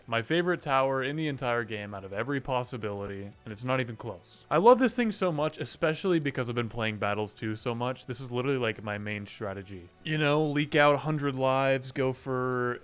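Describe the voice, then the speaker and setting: A man talks through a video game in a loose, excitable way, full of casual slang and the odd swear. His voice sits at an ordinary middle pitch and jumps into loud yelps when things get close. Faint game music plays underneath. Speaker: gaming YouTuber. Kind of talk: casual gameplay commentary.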